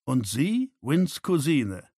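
Man voicing a wry adult man, ironic, dry delivery, husky, unhurried. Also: medium pitch, sing-song, mellow, dry recording, exaggerated voice.

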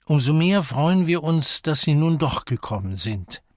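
A man voicing a proper older hostess with a polite, slightly scolding manner, read slowly. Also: a little high, big pitch swings, no echo, clean studio sound, voice pushed up.

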